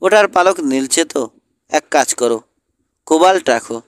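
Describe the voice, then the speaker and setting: A man's voice: fairly high pitch, lively intonation, normal speed, dry recording, studio quality, lightly acted. A man voicing an eccentric older woman who dotes on her birds and pearls, talking in a fussy sing-song way.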